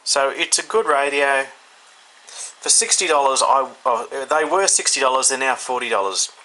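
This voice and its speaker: Reviewing a radio at home, an Australian hobbyist speaks off the cuff, hesitant and informal, as if thinking out loud indoors. He has a medium-pitched, pushed, bright voice with lively intonation and a normal speed. The recording quality is low, and background noise comes through clearly.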